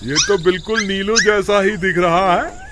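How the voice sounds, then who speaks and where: Brief: a man as sly cartoon village crooks, wheedling, slightly high voice. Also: unhurried, very noisy. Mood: scheming. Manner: wheedling and excitable. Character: two scheming male village tricksters.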